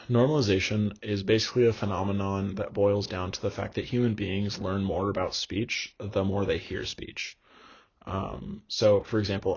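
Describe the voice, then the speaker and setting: In a dull, lo-fi recording, a young man gives a lecture in a slightly low, gravelly, husky voice. His explanations are measured, and he fills pauses with ums and uhs.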